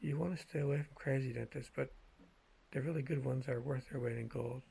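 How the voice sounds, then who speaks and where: Husky, gravelly man telling personal stories. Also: medium pitch, steady tone, fairly quick, mellow. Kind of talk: slow casual monologue, anecdotes.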